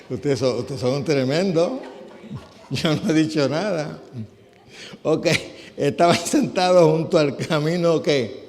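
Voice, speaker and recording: Preacher in echoing hall. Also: male voice, on the high side, takes it slowly, pauses often. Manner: lively, quizzes the congregation, acts out quoted voices. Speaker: preacher teaching a healing class. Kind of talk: teaching sermon. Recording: long church-hall reverb.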